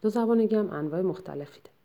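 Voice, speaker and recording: A woman giving a lecture that summarizes a textbook chapter, explaining at a measured pace and often pausing to hesitate or correct herself. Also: mid-range voice, animated, gravelly, dark tone.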